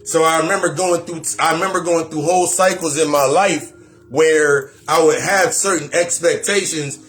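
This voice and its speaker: A man's voice: fairly high pitch, fairly bright tone. A man giving a blunt, profane spiritual self-help monologue, repeating phrases and talking straight to the listener. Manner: preachy, talks straight to the listener.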